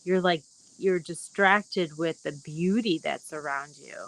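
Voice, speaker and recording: A middle-aged woman hosting a casual live wellness broadcast, speaking gently and rambling with many fillers. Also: fairly low pitch, measured pace, poor audio. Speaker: wellness talk host.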